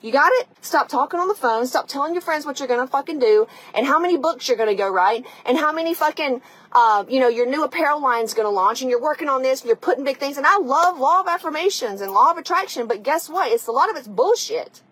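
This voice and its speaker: Speaking quickly and with animation, this woman has a high, slightly bright voice captured on a rough recording. She's a podcast host and coach delivering blunt, profane tough-love motivation, addressing the listener directly in a conversational way.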